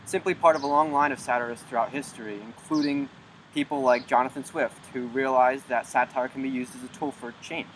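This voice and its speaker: A man's voice: medium pitch, steady tone, a little fast, a little hiss or hum, rough recording. A young man giving considered commentary as an interviewee. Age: young adult.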